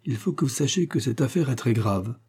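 A man voicing a composed, polite adult inventor in an audiobook, speaking in a measured way. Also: medium pitch, lively intonation, darkish tone, slightly rough. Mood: grave.

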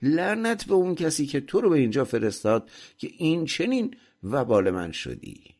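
A man voicing a greedy rich landowner in a folk tale audiobook, shouting in a raised, anxious voice. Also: fairly low pitch, huge pitch swings, exaggerated voice. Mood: angry.

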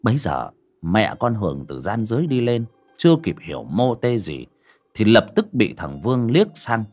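Expressive audiobook narrator, man. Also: lowish voice, normal speed, faint music behind. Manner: dramatic, varied delivery. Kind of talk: dramatic story narration.

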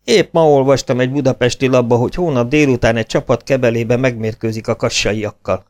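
A man's voice: mid-range voice, fairly even intonation, a little mellow, natural voice. A man voicing a matter-of-fact young ship's officer.

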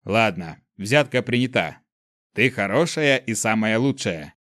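A man voicing a male guardian who grumbles and mocks in a gruff, offhand way. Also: lowish voice, lively intonation, a little slow, fairly bright tone, dry recording, clean studio sound. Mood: teasing. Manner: grumbling, mocking. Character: gruff teasing male keeper, old ancient being.

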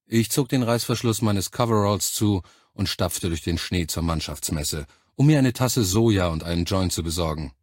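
A man reading a science fiction novel aloud in calm, measured first-person narration. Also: low-pitched, no echo, clean studio sound. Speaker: audiobook narrator.

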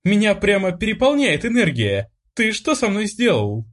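An excitable, bossy teenage sister, voiced by a male audiobook reader leaps high and breathy in a storybook reading. She teases and coaxes with lively swings in pitch. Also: moderate pace, exaggerated voice. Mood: excited. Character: teasing, bold teenage sister, playful and bossy. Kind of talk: audiobook character voice.

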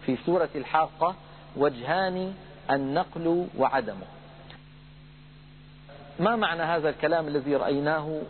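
Middle-aged man, recitation teacher, patient lecture with slow chanted examples; slightly high voice, tinny lo-fi audio. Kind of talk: religious lesson lecture. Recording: tinny phone-like lo-fi recording with faint hum.

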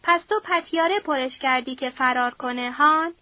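Cruel tyrant lord in an audiobook, put on by a woman reader; harsh shouting, dry muffled recording. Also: sits high, no echo, natural voice. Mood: furious threatening. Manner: furious, bellowing, harsh. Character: cruel domineering nobleman shouting threats.

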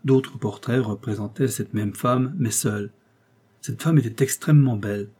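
A man reading a novel aloud in measured, steady scripted narration. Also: medium pitch, husky. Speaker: audiobook reader.

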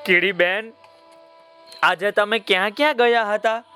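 A man's voice: sits high, fairly even intonation, unhurried, sharp tone, clean tone, faint music behind. A man voicing a clever, cheerful crow uncle who coaxes everyone to play.

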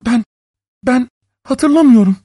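Man putting on a high voice, frightened young wife, pleading, tearful, storybook. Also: a little slow, mellow, husky, no room sound, studio quality, full character voice. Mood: stammering.

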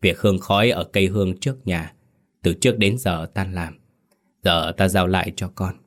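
A man voicing a frail dying old village elder who gives weak but clear, solemn instructions. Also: sits low, lightly acted.

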